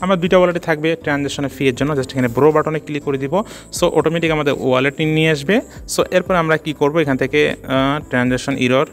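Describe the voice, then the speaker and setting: A man narrating a casual screen-recorded tutorial, talking quickly and filling his speech with "so", "just" and "okay?" checks. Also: on the high side, fairly even intonation. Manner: rapid, peppers speech with "so", "just" and "ঠিক আছে?". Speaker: crypto tutorial channel host.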